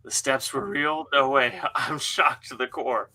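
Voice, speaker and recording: This young author hosts a laid-back read-along livestream from an indoor room at home, reading viewer comments, joking, laughing through his speech and cursing. His mid-range voice is steady and sharp in tone, moving a little slowly.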